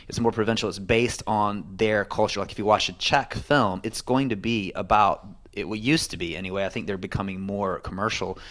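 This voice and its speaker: A man's voice: on the low side, a bit bright. A man co-hosting a podcast, asking probing questions and reflecting in casual chat. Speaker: podcast co-host.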